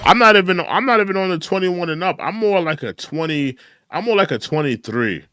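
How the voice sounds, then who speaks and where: Speaking fast with a high, sharp voice and lively intonation, a thirty-something commentary channel host delivers a reaction piece. Incredulous, he keeps repeating his points and talks straight to the person he's criticizing.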